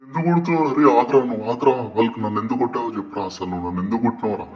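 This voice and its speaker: A man's voice: medium pitch, animated, racing, mellow, close to an everyday voice. A brash armored superhero, played by a man, rattling off his lines at a breakneck pace. He sounds far from the mic, in a dull, lo-fi recording with a roomy echo. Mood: angry. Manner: brash, threatening, then apologetic. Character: armored superhero man, hot-tempered then remorseful. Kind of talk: gaming cartoon voiceover. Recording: distant, dull, echoey lo-fi audio.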